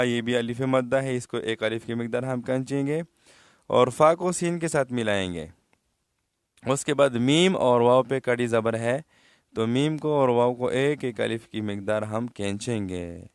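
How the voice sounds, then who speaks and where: A man teaching Quran recitation rules, explaining patiently and then drawing out the words slowly to show how they should sound. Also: mid-range voice, clear, resonant tone, no echo, studio quality.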